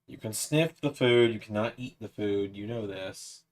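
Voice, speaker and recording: A man's voice: on the low side, normal speed. A man in his twenties chatting casually on a livestream, talking to his cat in a coaxing sing-song voice. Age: 20s. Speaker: streamer.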